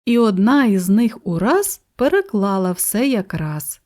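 A woman reading a rhyming children's story aloud in a lively, sing-song way. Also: medium pitch, unhurried.

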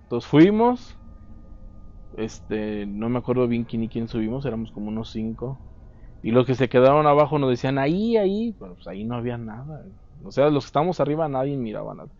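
A man's voice: mid-range voice, sing-song, fairly quick, darkish tone, highs cut off. A man with a Mexican accent, casually recounting a memory in an interview with a lapel mic, trailing off between phrases. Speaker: eyewitness interviewee. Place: dark room, seated.

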